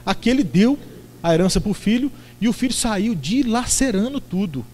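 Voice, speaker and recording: High-voiced pastor in a reverberant church. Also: male voice, moderate pace, a little hiss or hum. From Brazil. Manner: lively, theatrical storytelling with acted-out voices and shouts. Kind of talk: sermon. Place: church sanctuary.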